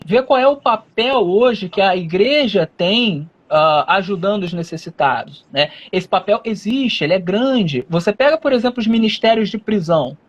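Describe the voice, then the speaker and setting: A man from Rio de Janeiro state with a Rio Brazilian accent, answering as an interview guest in a measured, explanatory way with frequent fillers. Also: high-pitched, lively intonation, lo-fi sound. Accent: Rio de Janeiro Brazilian Portuguese.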